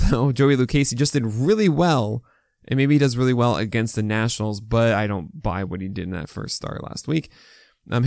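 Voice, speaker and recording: A man's voice: mid-range voice, gravelly, darkish tone, dry recording, studio quality. An American man hosting a fantasy baseball podcast, talking with a swollen mouth in casual, opinionated, unscripted commentary full of asides.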